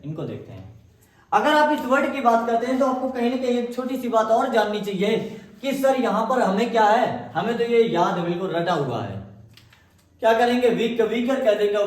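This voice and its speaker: High-voiced teacher in echoey room. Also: male voice. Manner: asks questions and answers them himself; repeats key words for emphasis. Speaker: English teacher. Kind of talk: classroom grammar lesson in Hindi.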